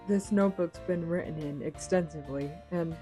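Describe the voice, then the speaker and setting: Woman acting earnest anime actress, low and mellow. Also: moderate pace, faint music behind, lightly acted. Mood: pensive, absorbed. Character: earnest, polite young female actress, intensely curious. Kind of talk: anime game fan dub acting.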